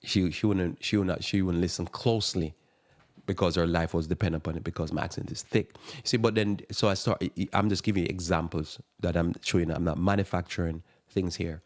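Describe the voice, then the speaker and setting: A man with a very low voice and a thick accent preaches on a radio talk program. He wanders from point to point, stumbles and repeats words, and lets out small chuckles at his own remarks. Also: steady tone, fairly quick. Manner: rambling, repeats and restarts words. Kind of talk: sermon-style radio talk.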